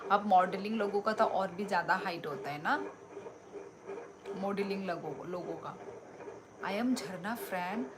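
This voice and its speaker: A young woman from Tripura, India, chats casually on a live stream, reading out viewer comments. Her medium-pitched voice moves slowly, and she's unhurried and friendly, greeting viewers by name. Steady background noise runs under the stream.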